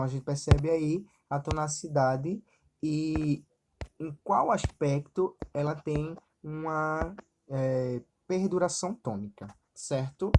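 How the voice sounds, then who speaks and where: A woman teaching a slide-based Spanish lesson, explaining step by step, often checking in with quick questions, and saying example words slowly with stress. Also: deep voice, mellow, a little hiss or hum. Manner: explanatory, frequently checks in with "certo?" and "ok?".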